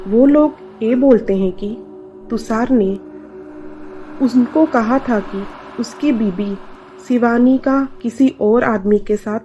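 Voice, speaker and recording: A woman narrating a family drama story in a measured, scripted storytelling manner. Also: on the high side, mellow, lo-fi sound.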